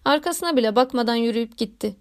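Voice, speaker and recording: Woman narrator, audiobook of a classic novel, measured literary reading, high voice. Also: darkish tone. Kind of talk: scripted narration.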